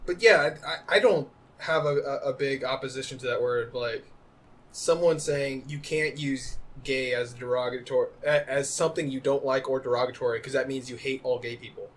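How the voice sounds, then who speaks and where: A man co-hosting a casual podcast chat, animated and storytelling, slipping into quoted voices. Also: mid-range voice, normal speed. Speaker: podcast co-host.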